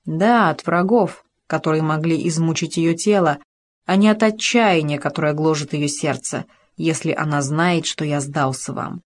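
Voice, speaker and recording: A woman's voice: low-pitched, fairly even intonation, normal speed. A woman voicing an ardent young male officer in an audiobook, reading his lines with impassioned pleading.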